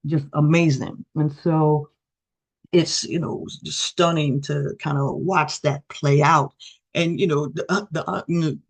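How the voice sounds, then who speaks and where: A middle-aged woman giving a storytelling presentation as a guest speaker over a video call, lively and acting out the voices of the people in her stories. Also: low-pitched, unhurried, creaky. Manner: animated, acts out quoted voices.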